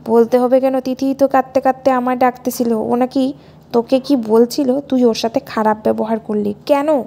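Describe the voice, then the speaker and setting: A blustering old father who scolds loudly and angrily, as a woman narrator puts him on. The voice is raised and forceful, and it stays a little high. He is a hot-tempered storybook character. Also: flat delivery, a little slow. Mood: angry.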